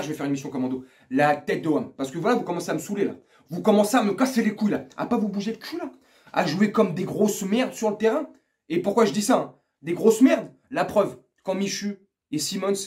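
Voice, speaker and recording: A man rants about his football team in a vulgar, furious vlog. His voice sits high and jumps between low grumbling and outright shouting. He talks through a small earphone microphone. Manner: vulgar, ranting, swings from muttering to shouting. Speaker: football fan vlogger. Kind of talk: angry football rant. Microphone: earphones mic.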